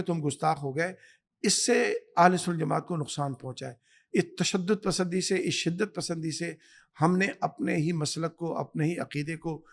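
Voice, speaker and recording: A man, an imam and guest scholar, speaking emphatically in a podcast interview, preaching and telling stories. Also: fairly high pitch. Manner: emphatic, storytelling, exhorting. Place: Canada.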